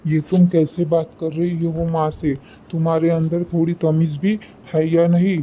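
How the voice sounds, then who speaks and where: A man voicing an exasperated young husband in an animated story, scolding his wife. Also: a little high, normal speed, slight background noise, close to an everyday voice, poor audio.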